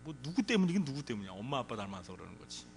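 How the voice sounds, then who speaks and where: A man's voice: medium pitch, very animated, very fast, creaky, darkish tone, a little hiss or hum. A male pastor preaching a sermon to his congregation, acting out quoted parents and children with frequent chuckles. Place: large church hall. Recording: long church hall reverb.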